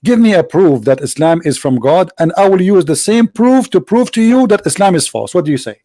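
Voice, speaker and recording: A man's voice: high-pitched, animated, fairly quick, mellow, dry recording. Insistent, argumentative male radio host. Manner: argumentative, insistent, repeats phrases. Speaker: call-in show host. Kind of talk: live call-in religious debate.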